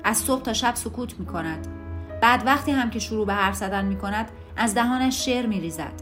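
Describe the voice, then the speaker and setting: A woman reading the part of a gentle, motherly wife who speaks with quiet worry, in an audiobook with faint music behind. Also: on the high side, lively intonation. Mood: worried. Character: worried, gentle middle-aged wife.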